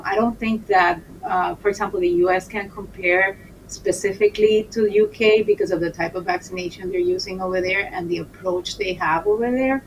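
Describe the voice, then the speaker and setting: A woman from Colombia, answering interview questions as a doctor, halting with many fillers and restarts. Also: medium pitch. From Caribbean Colombia. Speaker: infectious disease doctor, guest. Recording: distant mic with faint noise.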